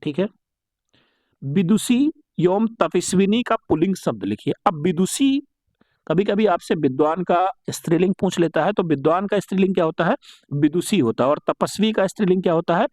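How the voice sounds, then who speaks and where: In this studio-quality recording free of room sound, a man speaks at a normal speed with a high-sitting, darkish voice. His exam-prep Hindi grammar lesson is full of self-answered rhetorical questions, and he says every correct form twice for emphasis.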